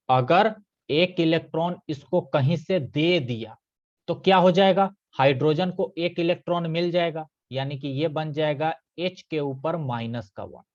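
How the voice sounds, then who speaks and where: Patient male chemistry teacher, lo-fi sound. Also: on the high side. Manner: patient, repeats key points with checking questions. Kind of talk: live online chemistry class.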